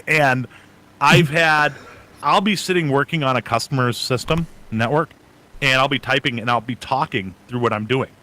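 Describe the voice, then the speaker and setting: Male guest streamer, mid-pitch, casual run-on advice. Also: moderate pace, rough recording. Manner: thinks out loud, talks in long run-on advice. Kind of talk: casual panel chat.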